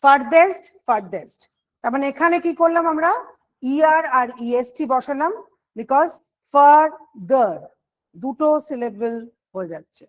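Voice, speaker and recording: Woman, high-pitched, patient exam-prep teacher who explains step by step. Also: lively intonation, moderate pace. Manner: explains step by step, asks and answers her own questions. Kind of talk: online exam-prep grammar lesson.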